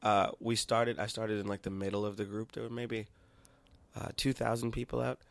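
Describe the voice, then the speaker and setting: A man's voice: on the low side, level tone, normal speed, vocal fry, no room sound. A man as a podcast guest, telling crude, self-mocking stories in casual chat.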